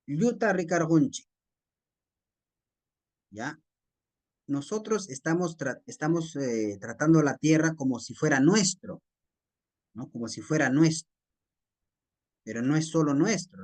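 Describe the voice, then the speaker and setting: Peruvian guy teaching, slow and patient, a bit high voice, keeps asking right?. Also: lively intonation. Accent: Peruvian Spanish. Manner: slow, repetitive teacher talk with frequent tag questions. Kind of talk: online class explaining a text.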